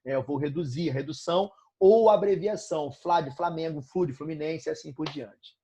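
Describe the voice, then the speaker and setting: A man with a Brazilian Portuguese accent teaching a live online grammar review, energetic and checking in constantly with his students. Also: on the high side, moderate pace, a little hiss or hum.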